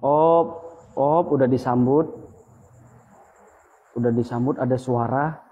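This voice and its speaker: A man hosting a ghost-hunting video, speaking in a hushed, alert way and calling out greetings to spirits. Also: medium pitch, takes it slowly, slightly rough, dull audio. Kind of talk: live paranormal investigation commentary.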